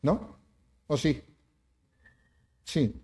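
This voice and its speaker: A man's voice: a little high, extremely slow, mellow, in a large hall. A man preaching a sermon as pastor, emphatic, asking the congregation rhetorical questions. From Mexico. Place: church sanctuary.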